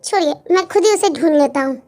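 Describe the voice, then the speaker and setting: A rich young husband who stumbles over his words when cornered, voiced by a woman in a fan-made dub. The voice sits very high for a man. Faint music plays under it. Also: fast talker, a little mellow, lightly acted. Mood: flustered. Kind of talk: Hindi fan dub acting.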